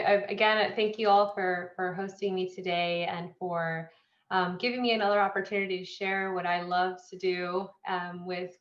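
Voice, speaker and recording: A woman's voice: mid-range voice, fairly bright tone. Woman from mexico telling her story on a muffled echoey call. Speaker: workshop speaker. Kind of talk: personal talk. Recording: echoey, dull video call audio.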